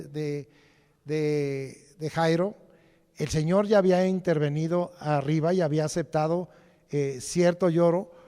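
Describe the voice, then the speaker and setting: A man's voice: a little high, dark tone, long reverb tail. A man preaching a Sunday sermon in church, rhetorical and repetitive, often asking the congregation "right?". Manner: rhetorical, repeats phrases and asks "right?". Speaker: lay preacher. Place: church during Sunday service.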